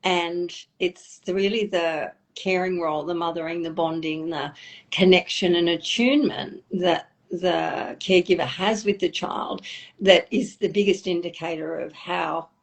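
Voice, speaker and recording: A woman speaking as a guest expert in a live online conversation, thoughtful and measured, slowing down on key points. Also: lowish voice, fairly even intonation.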